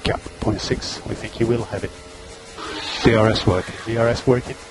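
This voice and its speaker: A man's voice: on the low side, fairly even intonation, moderate pace, background noise. A man working as race engineer, giving terse, clipped pit radio calls over a team radio link, repeating gaps and status updates. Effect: team radio transmission.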